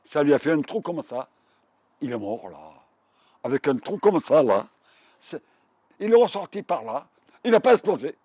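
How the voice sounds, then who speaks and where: A man's voice: a little high, big pitch swings, moderate pace, long pauses, mellow, husky, no room sound. A man in his nineties with a Marseille accent, telling his wartime memories vividly, with frequent repetitions. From Provence, France. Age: 90s. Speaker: war veteran witness. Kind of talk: oral history testimony.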